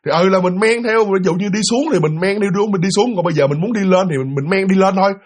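A man's voice: high-pitched, fast talker. A man casually telling a ghost story, speaking straight to his listeners and acting out the quoted voices. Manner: animated, addresses listeners directly, acts out quoted voices.

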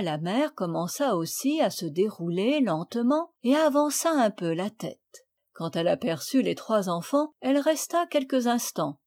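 A woman's voice: fairly high pitch, a little mellow. Woman reading a children's novel aloud. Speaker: audiobook reader. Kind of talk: scripted narration of a classic children's novel.

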